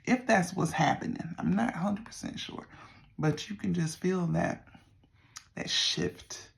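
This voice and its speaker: A middle-aged person with a Southern US accent and a creaky voice, chatting casually to viewers in a folksy, meandering way. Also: mid-range voice, measured pace. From Southern United States. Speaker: vlogger. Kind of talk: casual rambling check-in to viewers.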